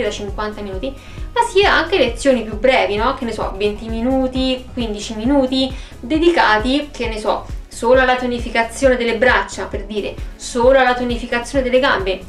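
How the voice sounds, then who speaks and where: This is a casual home vlog: a woman addresses the camera in a fairly high voice, chatty and full of expression. Music plays behind her, and the small indoor room gives the recording a noticeable, roomy echo.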